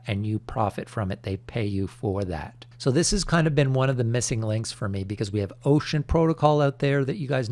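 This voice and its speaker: A man hosting a crypto channel in an energetic, chummy crypto-bro manner, pitching with emphatic salesman hype. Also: creaky, no room sound. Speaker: YouTube crypto channel host. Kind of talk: energetic promotional vlog commentary.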